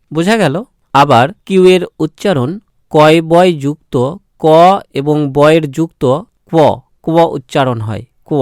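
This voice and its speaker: Slow, patient male English pronunciation teacher. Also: on the high side, no room sound, studio quality. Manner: slow, repeats each word several times; spells words out letter by letter. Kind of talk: spelling-and-pronunciation lesson.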